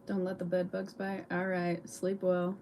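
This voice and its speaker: A woman chatting casually with viewers on a livestream in a soft, laid-back way. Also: on the low side, completely flat delivery, unhurried, slight background noise. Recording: clear music playing behind.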